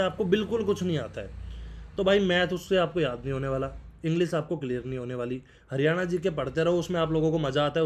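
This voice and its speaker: A young man talking casually and directly to viewers, giving exam advice and often repeating his points like an older brother. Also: fairly high pitch. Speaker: exam prep vlogger.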